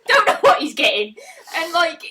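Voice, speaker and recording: A woman in her twenties casually retelling a folk tale on a podcast, sweary and giggly, dropping into quick voices for the characters. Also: extremely high pitch, huge pitch swings, very noisy. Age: 20s. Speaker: podcast co-host.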